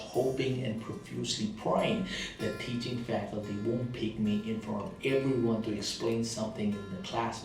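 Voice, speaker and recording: Speaking about the hardships he has overcome, a man with a heavy Indian accent and a non-English first language delivers a sincere motivational talk, repeating lines to drive them home. His lowish voice sounds distant and off-mic, bouncing around a very echoey room while soft guitar plays.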